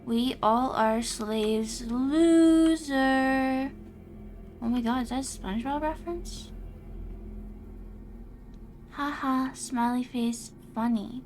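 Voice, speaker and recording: A young woman streaming a game, chatting casually, reacting aloud and thanking her viewers, her voice going hoarse. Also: fairly high pitch, steady tone, slow pace, pauses often, faint music behind. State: losing her voice.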